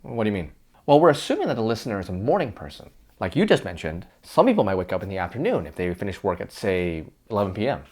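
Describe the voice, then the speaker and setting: Guy arguing with himself in a scripted explainer bit, talks quick, voice jumps all over. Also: on the low side, wildly swooping pitch, darkish tone. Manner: arguing with himself in conversational back-and-forth. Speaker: host of an explainer sketch. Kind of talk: scripted debate with himself, playing several versions of himself.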